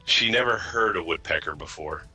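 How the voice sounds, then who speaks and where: A man's voice: low-pitched, normal speed, pushed and bright, breathy edge, faint music behind, poor audio. A man hosting a casual podcast chat, from the US East Coast, talking bluntly and rambling through stories. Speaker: podcast host.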